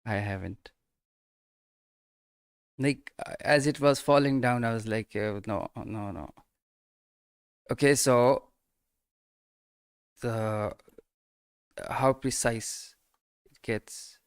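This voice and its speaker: A man commenting on his trades live in an unhurried, drawn-out way, often trailing off into mutters and short bursts like "boom." His voice is smooth and clear. It sits close and dry, with no room echo. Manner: mutters and trails off, exclaiming at price moves. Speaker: live stream day trader.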